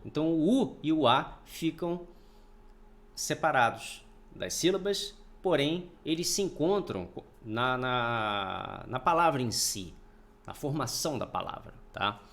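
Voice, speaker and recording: Lively, sing-song male grammar teacher. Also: medium pitch, measured pace, creaky. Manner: explanatory, repeats points, checks in with "tá?"; sounds out words syllable by syllable. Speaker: Portuguese teacher. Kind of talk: recorded online grammar lesson.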